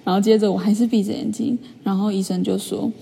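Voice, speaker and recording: A young woman, chatting in a vlog as she retells a personal story with lively, filler-filled asides. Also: medium pitch, fast, vocal fry, breathy edge, long reverb tail. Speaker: vlogger. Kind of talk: casual storytelling monologue.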